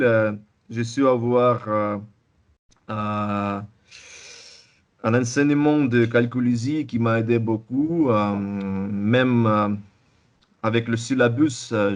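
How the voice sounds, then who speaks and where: In a relaxed testimonial interview, a former student, a young man speaking French as a second language with a Russian accent, answers in a low voice. His speech comes haltingly in bursts, full of restarts and repetitions, and the recording's highs are cut off.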